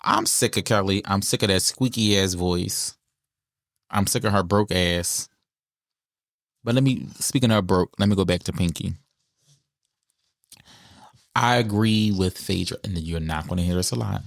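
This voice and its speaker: Gravelly-voiced man ranting bluntly. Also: low voice, a little slow, pauses often, no echo, clean studio sound. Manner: blunt, opinionated, animated ranting. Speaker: podcast co-host. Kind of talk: casual reality-TV gossip chat.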